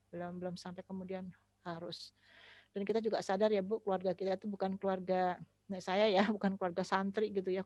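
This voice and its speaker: A woman, an Islamic speaker giving a relaxed, chatty talk on raising children, laughing often. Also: mid-range voice, dry recording, dull audio.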